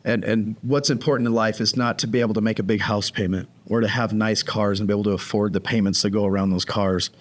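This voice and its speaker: A man guest on a podcast, telling his recovery story in a casual, animated way, often acting out what people said. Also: lowish voice, fast, hardly any pauses. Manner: animated, acts out quoted voices.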